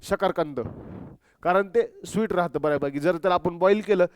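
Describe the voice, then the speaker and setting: A man's voice: sits high, normal speed, smooth, dry recording, clean studio sound. A young man teaching a biology class. He keeps asking the students questions and mixes English terms into his speech. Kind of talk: classroom lecture.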